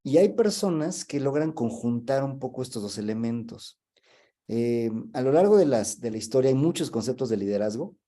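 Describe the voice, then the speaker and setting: A man, a guest speaker who explains leadership in a webinar, tells a joke as a story and often fills pauses with "este". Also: medium pitch, animated, warm tone. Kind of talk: webinar talk.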